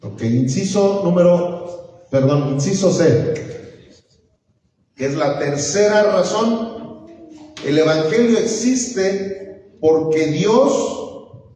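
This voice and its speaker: A man's voice: high voice, lively intonation, extremely slow, pauses often, dark tone. A man teaching an evangelism class in church, asking the class to read out verses. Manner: asks the class to read verses, preachy and encouraging. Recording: echoey hall from far off, faint room noise.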